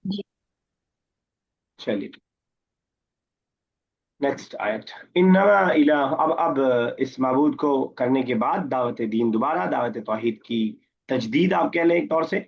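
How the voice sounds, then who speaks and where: Husky male Arabic teacher, muffled audio. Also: medium pitch, expressive. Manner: reads the Arabic slowly, then explains in Urdu and quizzes students. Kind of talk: online class lesson, word by word. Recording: muffled lo-fi online class audio.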